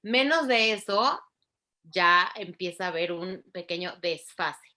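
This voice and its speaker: A woman speech therapist, explaining clearly and didactically in an interview, spelling out sounds slowly. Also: fairly low pitch, lively intonation, pushed and bright.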